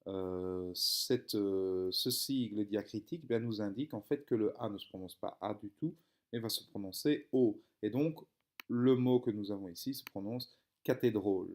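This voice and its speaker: A man's voice: lowish voice, moderate pace. A young man, explaining a reading lesson step by step, with frequent hesitations and fillers. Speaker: teacher.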